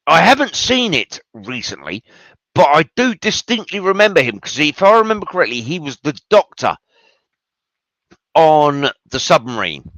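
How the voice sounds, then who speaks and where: A man's voice: on the high side, big pitch swings, moderate pace, fairly bright tone, no room sound, rough recording. A man hosting a show, giving casual, enthusiastic film commentary with rambling asides and free swearing. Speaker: podcast host.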